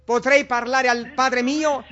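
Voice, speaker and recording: A man voicing a calm risen Jesus who speaks with solemn authority, on a dull lo-fi recording. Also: very high voice, takes it slowly, heavily acted. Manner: solemn, declaring.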